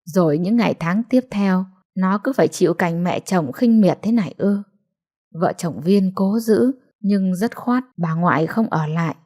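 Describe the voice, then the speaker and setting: Brief: female storyteller, measured and even, audiobook reading. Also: fairly low pitch. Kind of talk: scripted narration.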